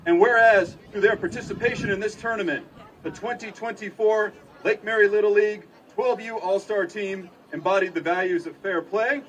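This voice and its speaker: A man's voice: high voice, steady tone, moderate pace. A man reading a formal civic proclamation as a commissioner, with emphatic public-address delivery from an outdoor stage. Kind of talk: formal ceremonial proclamation speech. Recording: distant outdoor PA with background noise.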